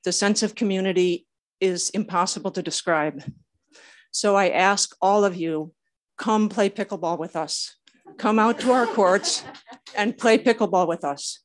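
An older woman, a public commenter, reads a prepared statement aloud at a public meeting, sounding a little nervous. Her voice is mid-range and unhurried.

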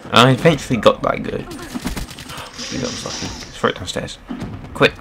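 A young man giving casual gameplay commentary, muttering, then loudly swearing at the game. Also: medium pitch, animated, moderate pace, vocal fry, noisy background. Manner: swears freely, shifts between mutters and outbursts. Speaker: gaming channel host.

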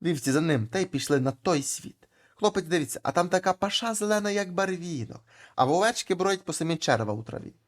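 A man reading folk tales aloud with lively storytelling. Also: sits high, brisk.

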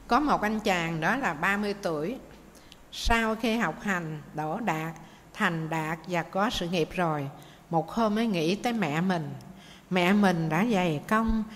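A Buddhist nun teacher, giving a gentle dharma talk and telling stories to her students. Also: mid-range voice. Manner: gentle, addresses students as children. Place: meditation monastery hall. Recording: faint noise, long hall reverb.

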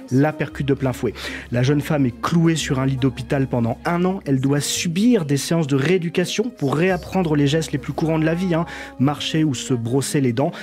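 A man's voice: on the high side, a little mellow. A man presenting a radio culture segment, telling an artist's story with a frequent tag word. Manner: frequent filler "hein", storytelling delivery. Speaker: radio columnist.

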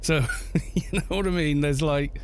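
A Welsh man in his fifties, his accent tinged with northern English, streams a game while chatting and rambling in an unhurried, slightly high voice with fairly even intonation. He laughs easily and reads chat messages aloud as he plays.

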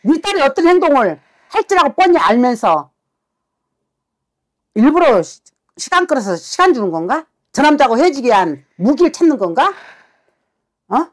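High, lively-voiced woman shaman berating. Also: moderate pace, pauses often. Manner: harsh, swearing, berating; keeps demanding answers with repeated "eh?". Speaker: shaman fortune teller. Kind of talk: scolding a client during a consultation.

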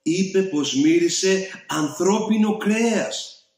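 Man doing a high, frightened storybook boy; keep him excited, very echoey room. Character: scared silly young boy.

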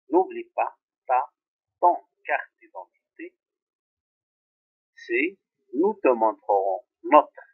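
A man teaching French grammar to pupils, repeating each example slowly. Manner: slow, repeating examples, very lively pitch. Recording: tinny phone-like sound.

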